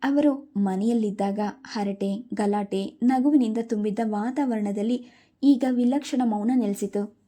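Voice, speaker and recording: A woman storyteller reading a family story aloud in a steady, even way. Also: mid-range voice, unhurried. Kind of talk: scripted story narration.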